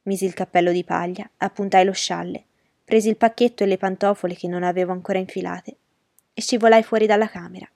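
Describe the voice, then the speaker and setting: A woman narrating in the first person as the heroine of a radio drama, measured and emotional. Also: medium pitch, steady tone, vocal fry, darkish tone, no echo, clean studio sound.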